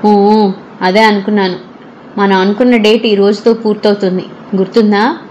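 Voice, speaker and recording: A cold, menacing man, read by a woman storyteller, speaking low and quiet as he lays out a threat. The voice drops softer than the narration, for a spoken thriller, over faint noise. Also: level tone, normal speed, highs cut off, close to an everyday voice.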